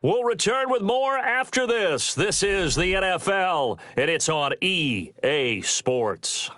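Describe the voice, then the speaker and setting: A man playing a TV play-by-play football announcer in a video game, calling each snap in a crisp broadcast manner. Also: high voice, very animated, slow, no room sound, clean studio sound, heavily acted. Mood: steady. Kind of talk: sports commentary. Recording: loud game crowd noise.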